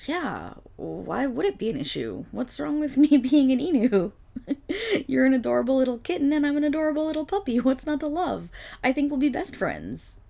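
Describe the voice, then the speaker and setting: A woman voicing an excitable, affectionate dog-eared girl in an ASMR role-play, loud and giggly. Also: high voice, slow pace, vocal fry, breathy edge, exaggerated voice. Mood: bubbly.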